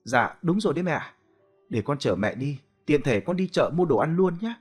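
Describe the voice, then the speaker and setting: A man voicing a meek young daughter-in-law who answers in a hurried, stammering, deferential way. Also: sits low, sing-song, darkish tone, slightly rough, faint music behind, heavily acted. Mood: anxious.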